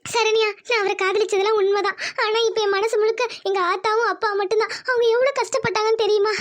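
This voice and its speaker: A woman's voice: very high voice, steady tone, quick pace. A woman voicing a sorrowful young bride in a cartoon. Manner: sorrowful, pleading. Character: tearful young village bride. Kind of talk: cartoon voice acting.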